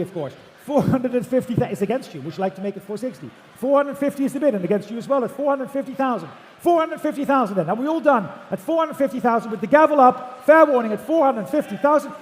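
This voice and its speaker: A man working as an auctioneer, calling bids in a repetitive, projected chant of numbers at a live auction. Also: extremely high pitch. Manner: repetitive chanting of figures, often loud and projected. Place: large auction hall. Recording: echoey hall PA with background noise.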